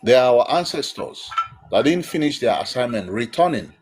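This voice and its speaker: A man's voice: medium pitch, animated, normal speed, breathy edge. A man giving emphatic, blunt spiritual counsel as host of a live call-in.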